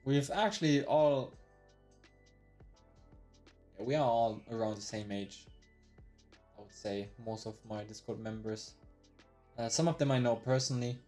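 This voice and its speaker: A day trader in his twenties live-streams casually, his medium-pitched voice warm and a little slow with long pauses over soft background music. He's slangy and rambling, swearing often, saying "bro" a lot, restarting sentences and replaying his past thoughts aloud.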